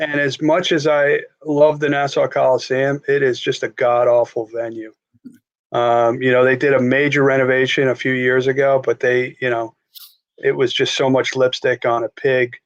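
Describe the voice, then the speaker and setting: A man's voice: mid-range voice, dull audio. Long Island man, chatty guest. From New York, Long Island. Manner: chatty, many restarts and fillers. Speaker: guest, sports marketer. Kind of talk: casual interview chat.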